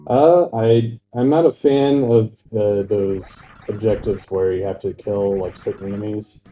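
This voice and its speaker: A man appears as a player guest on a race stream, chatting casually over a voice call while sitting far from his mic. His lowish voice, fairly even in intonation and a bit slow, sounds distant, echoey, and muffled as if through a wall, and his laid-back, rambling talk is full of fillers over faint background music.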